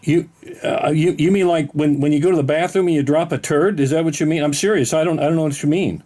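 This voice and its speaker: A man's voice: fairly high pitch, dark tone. Stammering man playing dumb on a call. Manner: plays dumb, deliberately confused, rambling and stammering. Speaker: scam baiter posing as a retiree. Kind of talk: prank phone call.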